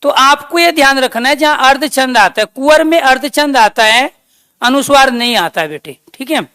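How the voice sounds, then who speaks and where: A woman teaching a grammar class, speaking slowly and dictating points, posing questions to her students and then answering them. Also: high voice, animated, pushed and bright, no room sound, clean studio sound. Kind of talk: online class lecture.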